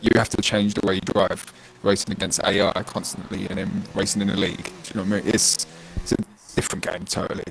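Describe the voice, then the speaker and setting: A man's voice: low voice, flat delivery, fast, gravelly. A man with a London accent and glottal stops for his T's, co-commentating casually on a livestreamed race over a glitchy, noisy voice chat. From London, England. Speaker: co-commentator, league racer.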